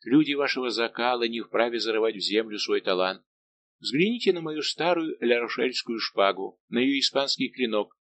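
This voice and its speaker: A man reading aloud voicing a lively, bantering middle-aged musketeer captain. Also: medium pitch, normal speed, a little hiss or hum. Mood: persuasive. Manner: warm, bantering and persuasive.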